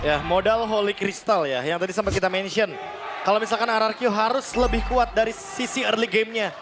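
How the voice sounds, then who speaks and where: High-voiced Indonesian male esports analyst. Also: fairly even intonation, a little fast, background noise. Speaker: esports match caster. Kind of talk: live analytical esports commentary. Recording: loud music behind the voice.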